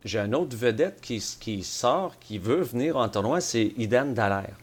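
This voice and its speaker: A man from Abitibi with a Québécois French accent, a game store owner talking casually as a guest, with lots of hesitant pauses and dry humor. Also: mid-range voice, lively intonation, breathy edge. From Abitibi, Quebec. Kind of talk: casual interview chat.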